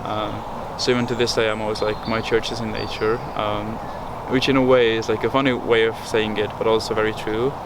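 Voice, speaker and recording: A man's voice: fairly low pitch, flat delivery, a little fast, few pauses. A young man from Estonia giving thoughtful, rambling answers in an interview, full of fillers and restarts. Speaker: research interviewee. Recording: loud background noise, urban outdoor hum.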